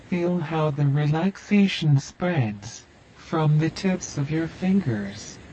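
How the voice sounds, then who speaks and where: A man leads a hypnosis session, drawing out each phrase in a slow, soothing, repetitive cadence. His voice sits a bit high for a man but has a mellow, warm tone. The recording is dull and lo-fi, with a faint hum of ambience behind him. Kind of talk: guided hypnosis induction.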